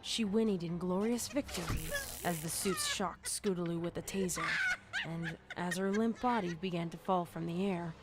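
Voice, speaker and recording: A woman storyteller reads scripted horror fiction at a normal speed, her voice sitting on the low side. Music accompanies the narration in the background.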